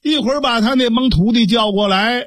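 A man's voice: extremely high pitch, brisk, a bit bright, no echo, studio quality, voice pushed up. A man playing chatty old Beijing neighbors. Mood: coaxing. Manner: gossipy, coaxing, colloquial. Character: old male village neighbors, chatty and scheming. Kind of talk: storytelling radio performance.

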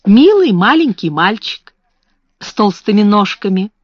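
A woman's voice: mid-range voice, big pitch swings, measured pace, dry recording. A woman voicing a proud hungry young girl. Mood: wry. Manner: restrained, then bitter. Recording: dull, slightly muffled recording.

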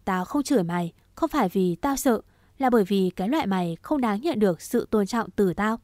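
Một người phụ nữ đọc giọng một chàng trai trẻ cứng rắn, che chở, nói dứt khoát và đầy đe dọa. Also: female voice, mid-range voice, lively intonation, brisk, a little mellow, dry recording, natural voice. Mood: cold. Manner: firm, clipped and threatening. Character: stern protective young man, cold and resolute.

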